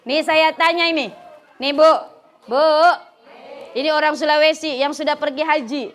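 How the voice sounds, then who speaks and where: A middle-aged woman preacher from West Java giving a humorous religious lecture, telling stories lively and laughing often. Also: sits high, moderate pace. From West Java, Indonesia. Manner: lively storytelling, acting out characters, frequent laughter. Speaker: female Islamic preacher.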